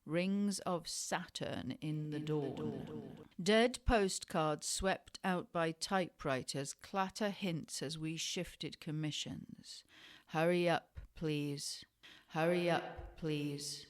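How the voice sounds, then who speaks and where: A woman giving an experimental literary reading, slow and deliberate with hypnotic repetitions. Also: deep voice. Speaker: reader. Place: indoors in Tangier.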